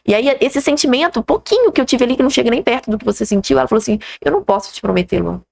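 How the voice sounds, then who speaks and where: A Brazilian woman, podcast host, retelling a personal story with lively quoted dialogue. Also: a little high, rapid-fire, vocal fry.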